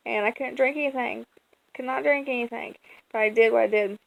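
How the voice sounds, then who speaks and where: An American woman talks in a fairly high voice with a strong creak running through it. She tells her story like a casual vlog, chatty and colloquial. Her retelling is animated, slipping into quoted lines and stretching words for emphasis. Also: fairly quick, poor audio. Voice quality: colloquial, folksy speech. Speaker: vlogger.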